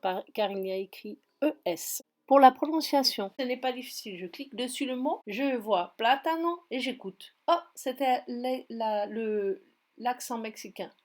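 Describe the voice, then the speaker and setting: A woman's voice: fairly high pitch, moderate pace, darkish tone. A woman with a Spanish accent, a teacher walking students step by step through an online dictionary in a screen-recorded tutorial. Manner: step-by-step, patient explaining.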